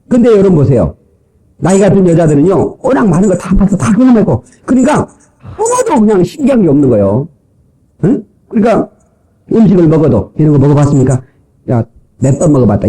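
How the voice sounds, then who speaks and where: A man's voice: high-pitched, mellow, poor audio. A male pastor preaching a sermon in a church, joking with the congregation and mimicking people's voices.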